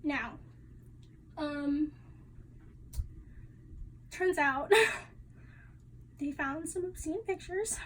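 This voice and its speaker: A young woman with a high voice presents her class project in a loose, chatty way. She talks casually, with fillers along the way. There is a faint hiss of noise behind her. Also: very slow, long pauses, poor audio. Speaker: student presenter.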